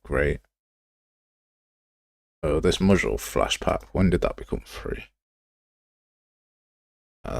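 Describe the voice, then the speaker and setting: While browsing software assets on a casual livestream, a man grumbles and thinks aloud in a low-pitched voice with vocal fry. His audio is dry and studio quality.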